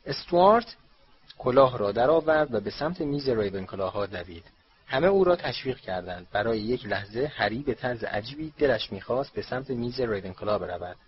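A man narrating a storybook audiobook in a steady reading voice, on a dull lo-fi recording. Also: medium pitch, slight background noise.

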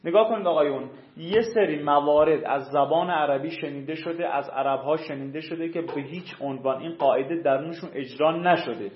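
A male teacher giving a classroom lecture on recitation rules, explaining patiently and quizzing his students. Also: on the high side. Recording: echoey room, dull lo-fi sound.

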